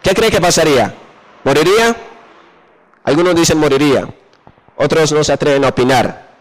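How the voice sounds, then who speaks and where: Man, preacher, sermon, high voice, call-and-response questions, slows and drops low for emphasis. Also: low-quality recording. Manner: asks the congregation questions and pauses for answers.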